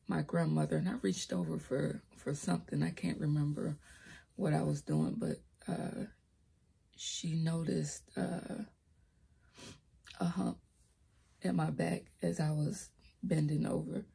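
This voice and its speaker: With a steady tone, a measured pace and frequent pauses, a young vlogger shares her life story via her laptop's built-in mic. She sounds low and raspy, hesitant and stumbling, slipping into soft whispered asides, and her voice cracks when she raises it.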